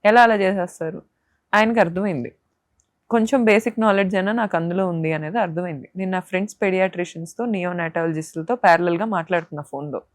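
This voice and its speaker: A woman's voice: lowish voice, fast, dry recording, studio quality. A young woman, an interview guest speaking with impassioned indignation and pointed rhetorical questions. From Andhra Pradesh, India. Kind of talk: emotional interview testimony.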